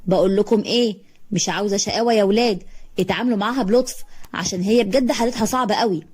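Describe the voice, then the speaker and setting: A woman voicing a talkative Egyptian orphanage director in a storybook tale, brisk and matter-of-fact. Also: mid-range voice, darkish tone, husky, lightly acted. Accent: Egyptian Arabic. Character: middle-aged female orphanage director, chatty.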